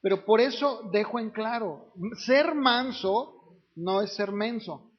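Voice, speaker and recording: A pastor with a voice that sits high preaches slowly and conversationally, often putting questions to the congregation. The recording is dull and lo-fi.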